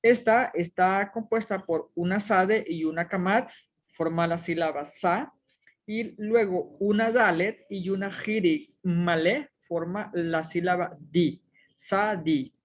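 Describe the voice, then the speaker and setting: Woman teacher, unhurried and careful, sounds out syllables one by one, slightly dull lo-fi audio. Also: fairly low pitch. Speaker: Hebrew teacher. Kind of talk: slow step-by-step lesson on letters and syllables.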